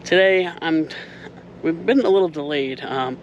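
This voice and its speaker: Higher-voiced man vlogging over outdoor noise. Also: a little slow, dull audio. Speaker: RV vlog host. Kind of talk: casual hands-on DIY vlog narration. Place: outdoors at an RV, partly on its roof. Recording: noisy outdoor recording with hum and traffic.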